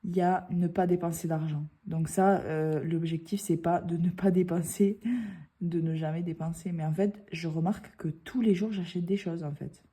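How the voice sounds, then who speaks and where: Mellow low-voiced woman vlogging casually. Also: fairly even intonation, moderate pace, breathy edge. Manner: rambling, hesitant, many fillers. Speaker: budgeting vlogger. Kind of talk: casual chat.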